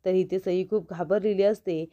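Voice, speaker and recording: A woman's voice: lowish voice, fairly even intonation, normal speed, mellow, dull audio. A woman retelling a TV serial episode as a story, carrying straight on into each character's lines. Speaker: serial episode recap narrator.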